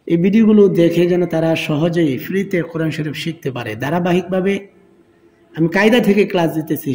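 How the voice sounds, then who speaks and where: Slow, patient man drilling syllables. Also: on the high side, a little mellow. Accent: Bangladeshi Bengali. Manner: slow, drawn-out syllable drills alternating with plain explanation; patient, repetitive instruction. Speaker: Quran reading teacher. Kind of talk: recorded Quran reading lesson.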